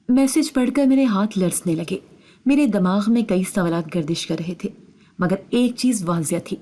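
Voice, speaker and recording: A woman reads a moral tale aloud in first person, her voice mellow and warm. She keeps a measured, suspenseful pace, building tension line by line. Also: medium pitch. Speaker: storyteller. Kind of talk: scripted narration of a moral story.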